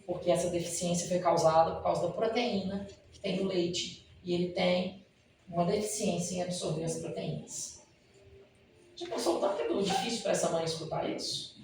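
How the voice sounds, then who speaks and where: Male dentist as lecturer, higher-pitched voice, animated storyteller who talks straight to the crowd, mic distant in a very echoey hall. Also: normal speed, a little hiss or hum. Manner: animated storytelling, often addressing the audience. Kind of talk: spoken lecture with told stories. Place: lecture hall at a spiritist center.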